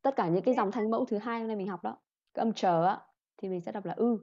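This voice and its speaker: A woman's voice: medium pitch, quick pace, mellow, highs cut off. A woman teaching an online pronunciation class, patiently repeating sounds and correcting her students.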